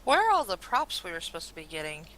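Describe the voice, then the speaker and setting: A woman's voice: fairly low pitch, wildly swooping pitch, fast, bright, forceful tone, rough recording. A woman playing an online game and chatting casually with her fellow players. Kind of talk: casual gaming chat. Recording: clear background noise.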